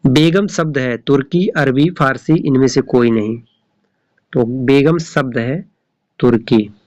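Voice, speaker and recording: A man's voice: medium pitch, slow, darkish tone, dry recording. A man tutoring for a Hindi exam, reading each question and its options aloud, then repeating the right answer.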